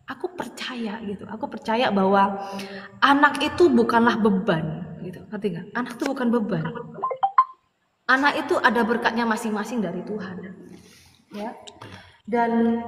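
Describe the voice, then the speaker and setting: A woman's voice: fairly high pitch, slight background noise. Middle-aged woman evangelist, Madurese accent, heartfelt storyteller; reverberant room. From Madura, Indonesia. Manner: emotional, storytelling with lively quoted dialogue. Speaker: evangelist sharing testimony. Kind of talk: casual testimony chat. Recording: echoey room with long reverb.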